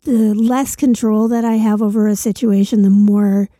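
Gravelly sick lady chatting on a podcast, really mellow, close dry recording. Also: mid-range voice, steady tone, moderate pace, no echo. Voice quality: gravelly from a chest infection. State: sick with a chest infection. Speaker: podcast co-host. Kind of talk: casual chat.

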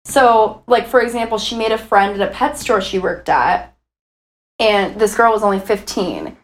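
A woman of mid-range pitch tells her part of the case in loose, everyday speech. She fills her sentences with fillers and reacts quickly to her co-host. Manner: casual, filler-heavy, reactive. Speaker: podcast co-host. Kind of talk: true-crime casual chat.

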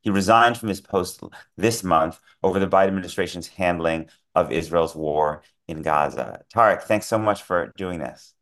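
Podcast host, man: low voice, courteous and measured in his questions. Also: a bit bright. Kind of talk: podcast interview.

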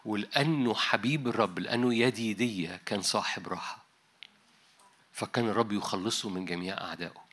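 A man's voice: lowish voice, a little fast, a bit bright. A man preaching a sermon in an Egyptian Arabic accent, talking conversationally and dropping in English words. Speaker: pastor. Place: large conference hall.

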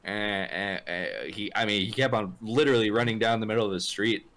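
A man's voice: lowish voice, a little fast. A young man in casual crude chat, telling rambling stories and acting out the people in them. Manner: rambling storyteller, acts out quotes loudly.

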